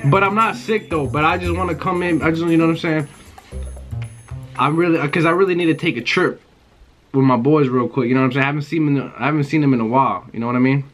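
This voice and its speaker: A young man with a slightly high voice talks in loose, sweary slang. He addresses everyone as bro in casual chat, with music playing behind him. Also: fast talker. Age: young adult. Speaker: prank caller and video host. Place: indoors in front of a dark backdrop.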